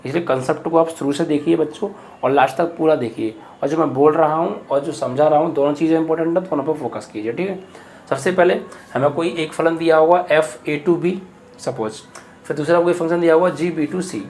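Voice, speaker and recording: A man's voice: fairly high pitch, brisk, darkish tone, a little hiss or hum. A man speaking, teaching a math lesson patiently, repeating each step and asking questions aloud. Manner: patient, repeats steps and asks rhetorical questions.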